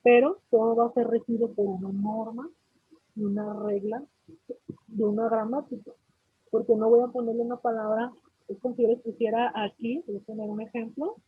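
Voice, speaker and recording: A Mexican woman teaching a class, pausing often to ask her students whether it is clear. Her voice sits fairly high and is very husky and breathy. It comes through a dry, tinny, phone-like line. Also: little pitch movement, no echo. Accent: Mexican Spanish. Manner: explanatory, asks students frequent check-in questions. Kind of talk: online class lecture.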